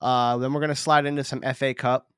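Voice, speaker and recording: An excitable young man hosting a casual podcast with his friend. His voice sits in a middle pitch and often leaps up when he jokes. The sound is dry and close. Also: fast, clear, resonant tone, no echo. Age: young adult. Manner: excitable, jumps high in pitch when joking. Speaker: podcast host. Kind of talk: casual chat.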